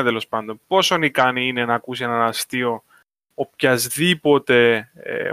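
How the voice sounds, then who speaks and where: Bright, forceful Cypriot man. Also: medium pitch, no echo. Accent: Cypriot Greek. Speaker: podcast co-host. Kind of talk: casual discussion.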